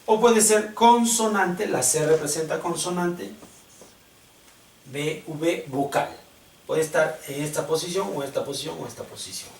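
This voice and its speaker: Slow, patient male teacher in an echoey classroom. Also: fairly high pitch. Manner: slow, patient, checks understanding with questions. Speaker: Hebrew teacher. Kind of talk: classroom lesson. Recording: echoey room, distant mic, faint hiss.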